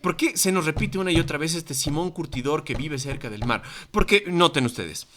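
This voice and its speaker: Animated Mexican man teaching Bible class. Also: a little high, fairly quick. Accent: Mexican Spanish. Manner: animated, acts out quoted voices. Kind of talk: Bible study lesson to a congregation. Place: church meeting room. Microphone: microphone.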